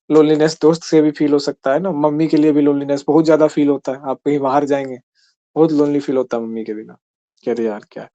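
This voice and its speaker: A man's voice: a little high, warm tone, muffled recording. A man teaching an exam-prep class in a conversational way, often checking in with his listeners. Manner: conversational, keeps asking "ठीक है?".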